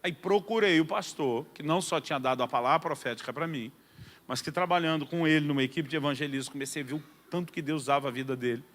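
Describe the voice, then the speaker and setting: A man preaching a sermon as a pastor, telling a personal story with humor and lively delivery. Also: fairly high pitch, fast. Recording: long hall reverb.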